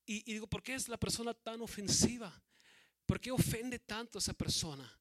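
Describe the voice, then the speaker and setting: A man pastor preaching a sermon, slowing to stress key words, often saying amen and repeating words. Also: high-pitched.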